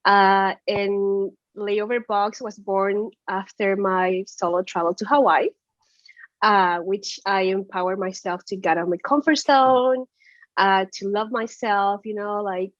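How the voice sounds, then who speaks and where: A woman's voice: medium pitch, steady tone, unhurried, dry recording, muffled recording. A woman from Chile, a guest entrepreneur, answering interview questions earnestly with lots of "uh" and "like". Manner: earnest, many "uh" and "like" fillers.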